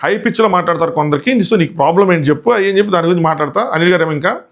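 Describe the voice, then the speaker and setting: A man's voice: on the high side, very fast. A man giving a casual spoken review of a TV show. He mixes in English phrases and acts out quotes from others.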